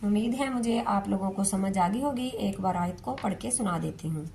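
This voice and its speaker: A woman teaching Quran recitation to beginners, patiently repeating and stretching each syllable in a slow step-by-step lesson. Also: mid-range voice, dark tone, slight background noise.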